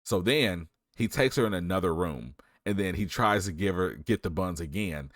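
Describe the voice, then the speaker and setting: A man co-hosting a podcast, retelling a movie's plot in a casual, animated way, full of slang and jokes. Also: low voice, normal speed, dry recording, studio quality. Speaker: podcast co-host. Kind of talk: casual movie recap chat.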